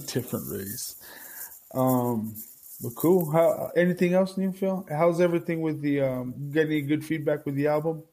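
A man's voice: a little high, normal speed, warm tone. A stoned man co-hosting a podcast, talking in a drowsy slacker way with casual swearing. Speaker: podcast co-host. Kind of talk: casual chat.

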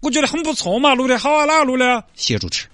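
Guy doing a smug lecturing boss, bossy, loud and swingy. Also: very high-pitched, lively intonation, fast talker, no echo, studio quality, pitched above the performer's own voice, heavily acted. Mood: pleased. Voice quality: lofty, lecturing tone. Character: pompous male bureau chief, scheming and bossy.

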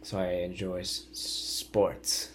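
A man in his twenties, a podcast guest, talking in a hesitant, laid-back, deadpan way. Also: low-pitched, slow pace, slight background noise. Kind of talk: casual chat.

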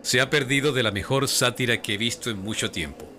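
A man playing a courtly, jovial statesman and military leader in an audio drama, flattering and formal in address. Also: medium pitch, brisk, background noise, lightly acted. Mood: amused, gallant.

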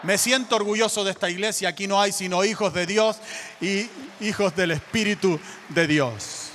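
This sermon comes from a man whose fairly bright voice sits high, speaking at a normal speed with slight background noise behind him. Preaching with emphasis in an echoing church hall, the pastor calls out to his congregation and urges them to respond.

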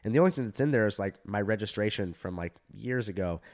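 A man who does stand-up telling a long story in casual chat, full of fillers, swearing and animated quoted voices. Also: lowish voice, fast talker. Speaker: stand-up comedian.

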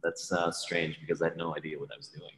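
A man who grew up in Hong Kong, a podcast guest chatting casually and relaxed, laughing often between phrases. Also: rumbling low, quick pace. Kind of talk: casual chat. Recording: roomy with long reverb.

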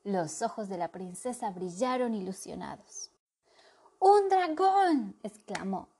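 A woman reading a children's storybook aloud, narrating in an expressive way. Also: medium pitch, normal speed, vocal fry, slightly rough. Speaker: storybook reader.

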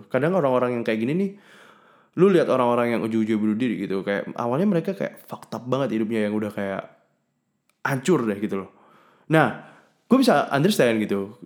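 Speaking in a mid-range voice, a candid, slangy young man tells the listener a casual personal story. He curses, drops in English words, and veers from loud outbursts to muttered asides.

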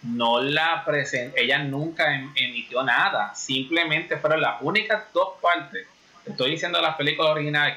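A man arguing his case at length in a casual panel debate. His voice is very bright and sits a little high. He is insistent and talks through his point without letting go.

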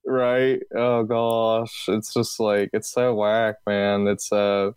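A man's voice: lowish voice, flat delivery, slow pace, a little mellow, clear, resonant tone, no echo. A man in his twenties from Texas, chatting casually on a podcast, rambling with many fillers and restarts. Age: 20s. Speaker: podcast guest.

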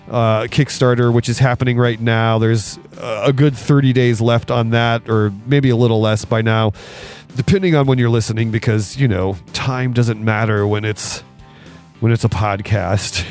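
A man hosting a board game podcast, hoarse and raspy from a cold, talking casually and with a lot of enthusiasm. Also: medium pitch, darkish tone. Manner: enthusiastic, laughs often. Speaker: podcast host reviewing board games.

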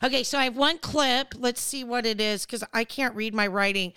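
A woman's voice: on the high side, moderate pace, sharp tone, clear, resonant tone, no echo. A woman hosting a casual reality-show recap podcast, chatting in a gossipy, rambling way. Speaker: podcast host.

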